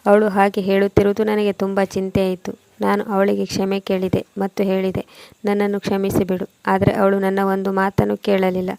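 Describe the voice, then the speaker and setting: Brief: woman storyteller, flat scripted narration, dark gravelly tone, dry close sound. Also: mid-range voice, moderate pace, few pauses, dry recording.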